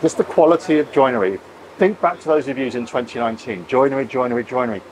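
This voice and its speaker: This is a man in his forties talking fast at a medium pitch while he tours the camera through an unfinished boat and a large boatyard shed, eager and emphatic, with repeated phrases. As a vlog host he wears a clip-on lapel mic. The recording is rough, with a little hiss or hum.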